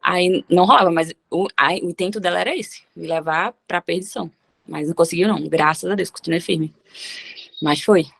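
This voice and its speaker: A woman's voice: lowish voice, a little fast, creaky, slightly rough. A woman guest sharing a personal story with emphatic, religious phrasing. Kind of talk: personal testimony in conversation.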